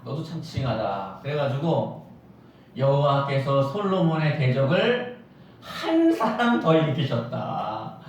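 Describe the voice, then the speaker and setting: A man's voice: on the high side, a little hiss or hum. A man pastor preaching a Sunday sermon, firing rhetorical questions at the congregation and acting out quoted voices. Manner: acts out quoted voices of God and Solomon. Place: church sanctuary. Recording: echoey church hall, mic at a distance.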